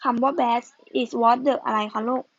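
A woman teaching English, patiently going over worksheet answers in an unhurried, casual way and spelling out words letter by letter. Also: fairly high pitch, level tone, no room sound, highs cut off. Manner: patient, ends phrases with soft polite particles, spells out letters. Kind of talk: slow casual lesson explaining answers.

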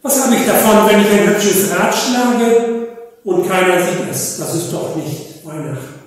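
A man's voice: high voice, unhurried. An older retired pastor voicing a vain male peacock who wants his new feathers seen. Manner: vain, showy. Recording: echoey church hall from far off.

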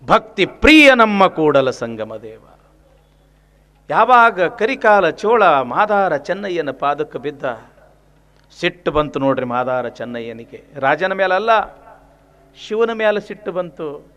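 A man's voice: a little high, very animated, slow pace, pauses often, fairly bright tone. A man with a North Karnataka accent preaching a sermon, telling stories with emphatic repetition. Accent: North Karnataka Kannada. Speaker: swami, religious preacher.

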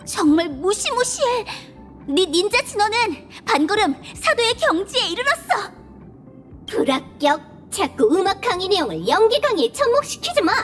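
Squeaky, excitable monkey professor. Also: female voice, moderate pace, faint music behind. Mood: exasperated. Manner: exclamatory, scolding, chanting verbal tics. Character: excitable cartoon monkey professor, strict theatrical drama judge. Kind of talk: cartoonish game voice acting.

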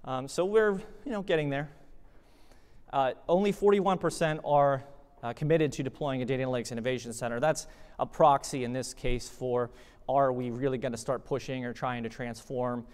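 A man giving a conversational conference talk, animated and full of fillers like "uh" and "you know". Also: mid-range voice, moderate pace, smooth, in a large hall. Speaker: conference presenter. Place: conference hall.

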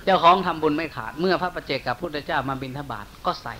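A man with an Isan Thai accent preaching in a bright, forceful voice. He tells a folk tale in a lively, folksy way and drops his voice low when he quotes someone. A faint hiss runs under the recording. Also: fast talker. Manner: storytelling in lively folksy speech, softening for quoted lines. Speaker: monk preacher. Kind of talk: sermon storytelling.

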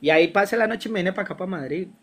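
This young Colombian man has a high-sitting voice and talks very fast. A guest in a laid-back interview, he tells his story with a Colombian accent, animated and slangy, acting out what everyone said.

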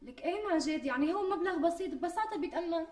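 An actress with an extremely high, darkish voice, lively intonation and a very fast delivery plays a scheming Damascene bride-to-be in a TV sitcom. She wheedles her fiancé, guilts him and bursts out indignantly. The mic is distant, with faint music playing.

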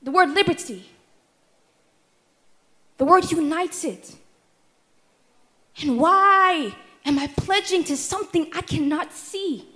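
A young woman performing a spoken word poem at a stand microphone in a wood-paneled hall, rhythmic and emphatic, with deliberate stammered repetitions. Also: very high voice, bright, forceful tone.

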